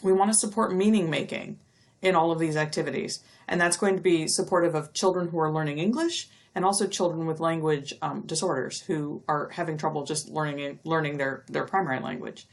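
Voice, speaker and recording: A middle-aged woman giving a recorded lecture, explaining step by step and stretching out speech sounds slowly to demonstrate them. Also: sits low. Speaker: university lecturer.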